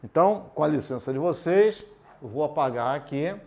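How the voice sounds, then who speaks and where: A man's voice: fairly high pitch, animated, gravelly, a little mellow. A man teaching an adult literacy lesson at a board, explaining patiently and checking in with the class. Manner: patient, explains slowly with checks like "tudo bem?".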